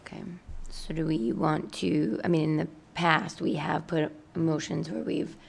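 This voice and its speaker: A woman's voice: sits low, unhurried, creaky. A woman chairing a school committee meeting, losing her voice, laughing often and using casual fillers. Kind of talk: meeting discussion.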